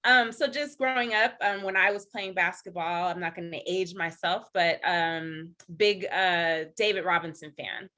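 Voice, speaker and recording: A woman contestant chatting casually about her favorite team over a video call, relaxed with lots of fillers. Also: lowish voice, normal speed, hardly any pauses. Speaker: game contestant. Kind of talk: casual chat.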